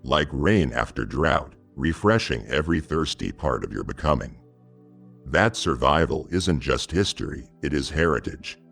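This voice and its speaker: A man delivers scripted devotional narration, addressing the listener directly and intimately. His voice sits extremely low and carries a gravelly rasp, paced in a solemn, measured way. Soft music plays faintly underneath. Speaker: devotional narrator speaking as God.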